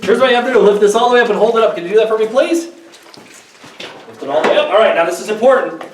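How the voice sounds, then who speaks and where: A man leading a guided tour through an underground coal mine, explaining things step by step in a plain, lively way with gentle jokes. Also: high-pitched, quick pace, far from the mic, slight background noise. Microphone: visitor's handheld camera from a few steps away. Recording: echoey mine tunnel, voice from off-mic.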